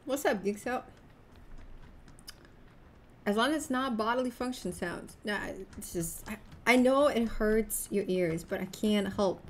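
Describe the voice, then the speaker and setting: A young woman streaming a game, chatting casually and yelling out when she's startled. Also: medium pitch, measured pace, long pauses, slight background noise. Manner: jumpy, yells suddenly, chatty. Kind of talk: casual gaming chat.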